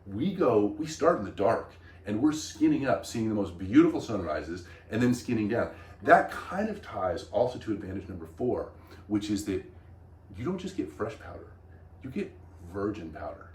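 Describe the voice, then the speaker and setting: A man with a fairly low voice that swings widely in pitch, chatting casually as a vlog host. He explains with enthusiasm and leans on key words. The room around him echoes noticeably. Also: big pitch swings, moderate pace, darkish tone, far from the mic. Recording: roomy echo.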